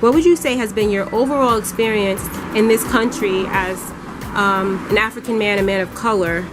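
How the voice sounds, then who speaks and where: A woman interviewing a guest, asking calm, brief questions and giving short acknowledgements. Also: mid-range voice, normal speed. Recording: clear music behind.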